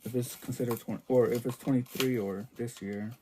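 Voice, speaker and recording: Man, toy car collector vlog, casual unboxing chat, rambling, medium-pitched voice. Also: steady tone, fairly quick, noisy background. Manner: rambling, chatty, many restarts and fillers.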